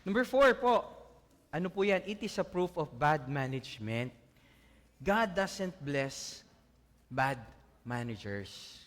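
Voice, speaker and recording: A man's voice: fairly high pitch, slow pace, pauses often. A man preaching a sermon to his congregation, mixing Tagalog with English, often laughing and asking "Amen?". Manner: animated, asks the congregation "Amen?"; laughs often while telling jokes. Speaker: pastor. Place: church hall before a congregation. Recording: long church hall reverb.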